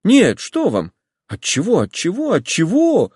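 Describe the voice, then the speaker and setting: A man puts on a fiery, impulsive young woman in this audiobook, raised high above his own register and pushed louder. Her lines press and plead, swooping in pitch. The recording is close and dry. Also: huge pitch swings, measured pace, breathy edge, no room sound, exaggerated voice. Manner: pleading, agitated, insistent. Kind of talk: audiobook character voice.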